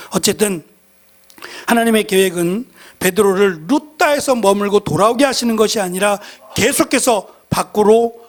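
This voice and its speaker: A middle-aged male pastor preaching a sermon in an earnest, reflective way. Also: sits high.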